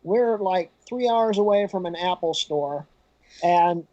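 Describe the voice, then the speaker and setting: A high-pitched man chats casually, wandering through stories with lots of ums and uhs. His voice comes over a laptop call that glitches and freezes. The sound is dull and dry, with no room around it. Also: slow, mellow, no echo. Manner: rambling, with many fillers. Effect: glitching, freezing call audio. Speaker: podcast co-host. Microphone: laptop on a video call.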